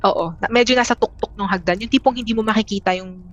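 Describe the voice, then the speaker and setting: A woman from the Philippines, a guest telling a personal story in a casual, halting way, with many restarts and fillers. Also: medium pitch, dull audio. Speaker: interview guest.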